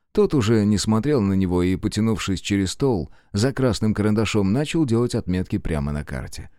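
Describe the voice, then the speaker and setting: A man narrating an audiobook in an even, measured reading. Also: on the low side, no echo, studio quality.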